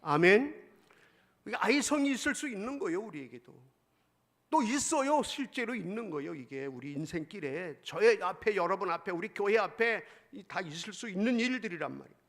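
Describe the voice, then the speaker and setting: Gravelly, high-pitched preaching man. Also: lively intonation, fairly quick. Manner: emphatic preaching, sudden swings from loud to hushed. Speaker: pastor. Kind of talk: sermon.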